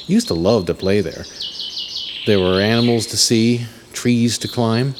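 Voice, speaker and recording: A man's voice: on the low side, a little slow, noisy background. A man narrating a first-person story in a reflective, wry manner. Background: music.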